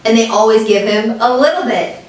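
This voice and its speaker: A young American woman co-hosts a casual chat, her voice a little high and slightly mellow at a moderate pace. She tells stories playfully, laughing and acting out what people said. The room is echoey, she sits a bit far from the mic, and there's a faint hiss.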